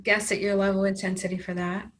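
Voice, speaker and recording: A woman practitioner guiding a tapping session, calmly giving phrases for the client to repeat. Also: medium pitch, fast talker. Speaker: EFT practitioner.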